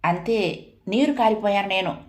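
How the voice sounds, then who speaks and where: A woman narrating a first-person family story in a steady, even audiobook reading. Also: medium pitch, normal speed.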